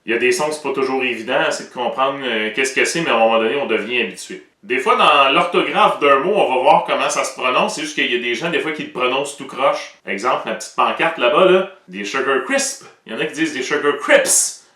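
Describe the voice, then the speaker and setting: A man's voice: mid-range voice, animated, fast talker, few pauses, sharp tone, reverberant, far from the mic. A man with a Québécois French accent, explaining pronunciation in a playful, joking way as the presenter of an educational show.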